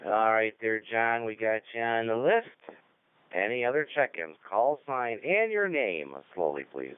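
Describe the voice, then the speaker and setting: A man's voice: mid-range voice, very animated, measured pace, clean tone, no echo. A man hosting a ham radio net in a chatty, rambling way, heard over a radio link. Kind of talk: casual on-air net chat. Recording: narrow radio-link sound, dry.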